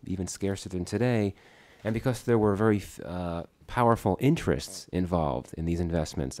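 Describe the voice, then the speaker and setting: A man's voice: low-pitched, warm tone. A man with a congested, slightly distorted head-cold voice gives a formal prepared speech at a book launch. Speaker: book co-editor, speaker at launch. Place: conference room before an audience.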